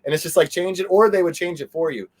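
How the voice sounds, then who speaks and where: As an interview guest, a man talks casually in a high voice and at a fast clip. He tells things in a rambling, animated way, sprinkled with quoted asides.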